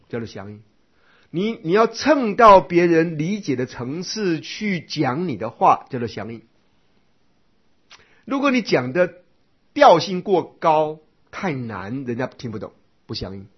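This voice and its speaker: A man delivers a Buddhist dharma lecture in a husky voice. His pitch moves a lot as he explains point by point and keeps asking rhetorical questions. The recording sounds dull and lo-fi. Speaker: Buddhist teacher.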